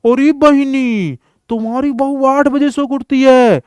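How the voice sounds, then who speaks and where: A man's voice: very high voice, unhurried, a little mellow, clear, resonant tone, no room sound, clean studio sound, voice pushed up. A man voicing a gossiping old grandmother who complains about her lazy daughter-in-law.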